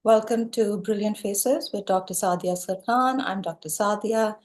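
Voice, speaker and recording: A woman's voice: medium pitch, moderate pace, a little mellow. A woman with a Pakistani accent, hosting an interview show and introducing her guest. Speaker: talk show host.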